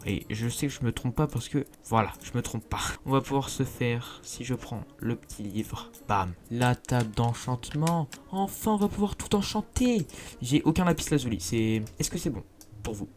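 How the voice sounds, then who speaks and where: A man's voice: mid-range voice, darkish tone. A young man, chatting casually to viewers while playing a survival game, self-mocking and talkative. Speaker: gaming youtuber. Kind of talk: casual let's play commentary.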